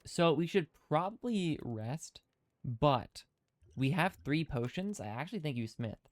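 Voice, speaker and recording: A man's voice: a little high, big pitch swings, measured pace, no echo. A man live-streaming a video game, thinking aloud through his moves and chatting with viewers, with his speech a little hindered by dental retainers. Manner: thinking aloud, chatty, reads chat comments. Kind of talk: casual live-stream commentary.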